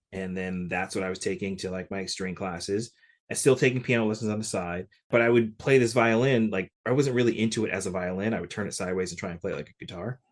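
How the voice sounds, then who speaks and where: A man from Connecticut, a session percussionist, telling stories in a relaxed interview with lots of "like" fillers. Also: fairly low pitch. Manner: relaxed, chatty, frequent "like" fillers. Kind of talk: casual interview storytelling.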